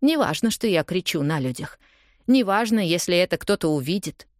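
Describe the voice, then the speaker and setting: A woman's voice: on the low side, animated, moderate pace, no room sound, clean studio sound, close to an everyday voice. A woman voicing a hurt, accusing young woman. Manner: raised, pleading, accusing. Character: upset young woman confronting her lover. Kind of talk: audiobook dialogue reading.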